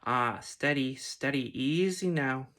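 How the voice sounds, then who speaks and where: A clumsy farmer coaxes and puffs between words, as a man acts him out. His voice stays close to an ordinary man's speech, gentle and breathless. It is a soft, whispered role-play read from a storybook. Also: mid-range voice, slow pace. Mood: coaxing. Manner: coaxing, panting.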